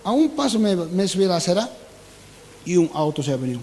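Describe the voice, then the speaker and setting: A man's voice: high voice, sing-song, fast, darkish tone, rough recording. A young adult man, a pastor with a Bolivian Spanish accent, preaching a sermon and acting out the voices in his stories.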